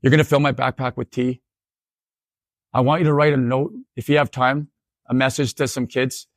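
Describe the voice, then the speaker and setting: Gravelly-voiced man telling stories. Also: medium pitch, normal speed, no echo, clean studio sound. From northern Saskatchewan. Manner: animated, many restarts, acts out dialogue. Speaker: keynote speaker and educator. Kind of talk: storytelling keynote talk.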